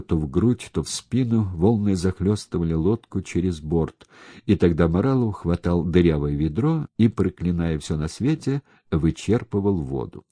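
Male audiobook narrator, low voice, lively delivery, husky, dry close sound. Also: dry recording. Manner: animated storytelling. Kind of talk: expressive audiobook reading.

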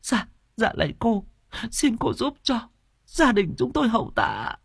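A man's voice: very high-pitched, wildly swooping pitch, unhurried, vocal fry, slightly rough, no echo, clean studio sound, pitched above the performer's own voice, full character voice. A man voicing a grieving old village mother. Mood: pleading. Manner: pleading, tearful.

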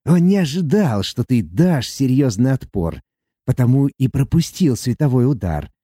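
A man voicing a puny, gloomy male demon dwarf who talks in a flat, matter-of-fact way. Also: mid-range voice, moderate pace, husky, no echo, clean studio sound.

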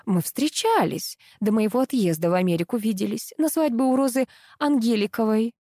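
A woman's voice: a little high, lively intonation, fairly quick, dry recording, studio quality, voice pushed up. A woman voicing a domineering, scolding middle-aged mother-in-law in an audiobook reading. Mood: indignant. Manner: commanding, sharp, scolding.

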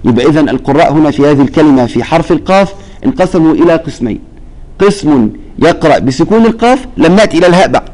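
A male Quran teacher talks through a recitation lesson, his voice sitting slightly high. He lays out each point slowly and keeps asking the students if it is clear. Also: lively intonation, a little mellow, low-quality recording. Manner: explains step by step, checks understanding with questions. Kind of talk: classroom lesson.

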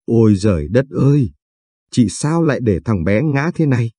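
A man voicing a sharp-tongued elderly village mother-in-law who scolds and accuses, read in a storytelling narration. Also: medium pitch, very animated, moderate pace, husky, no echo. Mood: scolding.

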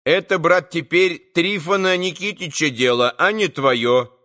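Man voicing a cocky schoolboy, curt, superior, mischievous, higher voice, audiobook. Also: unhurried, bright, forceful tone. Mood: stern.

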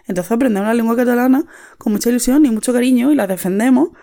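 A woman's voice: a little high, rapid-fire, gravelly, warm tone. A woman from Andalusia with an Andalusian Spanish accent, talking frankly and with feeling on the radio, acting out the voices of the people she quotes. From Andalusia, Spain. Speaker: radio guest. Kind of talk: casual radio talk.

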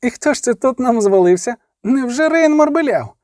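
A man voicing a cocky teenage boy who taunts in a drawn-out way. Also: very high-pitched, lively intonation, darkish tone, dry recording, clean studio sound, pitched above the performer's own voice. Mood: mocking.

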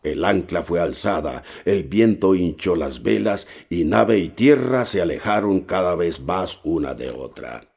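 A man reading a novel aloud as narrator, steady and measured with occasional hesitations. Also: deep voice, gravelly, husky. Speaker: audiobook narrator.

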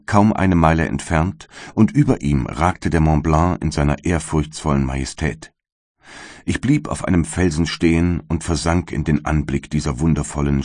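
A man with a very deep voice reads a novel as a dramatic first-person narration. His delivery is measured and theatrical. The recording is dry and close. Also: darkish tone, no room sound. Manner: measured and theatrical, rising for outbursts. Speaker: audiobook narrator.

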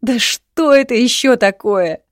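A woman voicing an indignant, quick-tempered young woman in an audiobook, her lines raised a little above her narrating voice. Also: lowish voice, dry recording, clean studio sound. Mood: tearful fury. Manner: indignant outbursts, sharp retorts.

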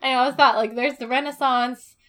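A chatty woman in casual podcast conversation, enthusiastic and quick to giggle. Her voice sits a little above the usual range. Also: high voice, fairly even intonation, sharp tone. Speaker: podcast co-host. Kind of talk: casual chat.

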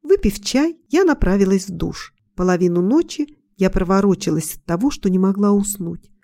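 A woman narrating a first-person story in a calm, intimate reading style. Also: mid-range voice, normal speed, no room sound.

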